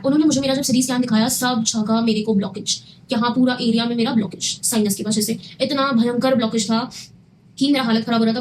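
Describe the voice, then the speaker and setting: A woman's voice: sits high, a little hiss or hum. A young woman casually telling her own health story to her viewers, emphatic and repeating phrases for stress. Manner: emphatic, repeats phrases, mixes Hindi with English.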